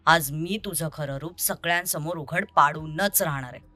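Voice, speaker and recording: A woman voicing an angry young man who confronts his deceitful ex-lover in an audio story, over soft music. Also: sits low, normal speed, no room sound, voice pushed down. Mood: accusing. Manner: accusing, bitter and confrontational.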